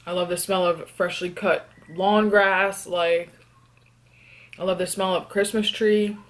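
A woman's voice: lowish voice, unhurried. Young woman chatting while eating. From New York. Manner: relaxed, chatty, eats between answers with frequent hums. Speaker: mukbang vlogger. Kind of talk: casual eating vlog, answering tag questions.

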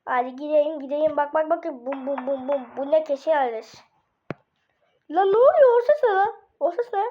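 A woman doing casual gaming role-play, voicing baby characters in excitable, slangy banter with herself. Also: high voice. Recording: dull lo-fi mic.

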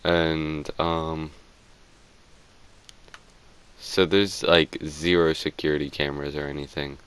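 A man's voice: a bass voice, level tone, measured pace, a bit bright, smooth. A man telling a storytime tale in a casual, rambling way, with lots of filler words and swearing.

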